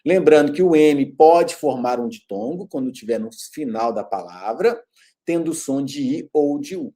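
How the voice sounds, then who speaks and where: A man with a Brazilian Portuguese accent teaching a grammar lesson on video, talking straight to viewers and stretching out the example words. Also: fairly high pitch. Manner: lively, calls out to viewers, drawn-out example words.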